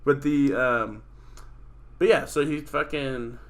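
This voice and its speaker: Rambling, profane young podcast host. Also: male voice, mid-range voice, slow pace. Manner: rambling, profane, heavy use of "like". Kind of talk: casual chat.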